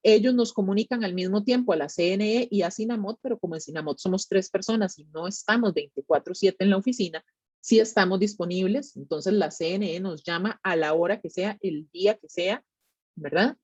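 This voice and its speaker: A woman with a Costa Rican accent explains things like a specialist addressing the public. Her pitch is mid-range and her delivery is conversational, with little tag questions. The sound is dry and slightly muffled, as on a lo-fi recording. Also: brisk, darkish tone, slightly rough, dry recording. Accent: Costa Rican Spanish. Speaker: tsunami monitoring specialist giving a public talk. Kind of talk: explanatory educational presentation.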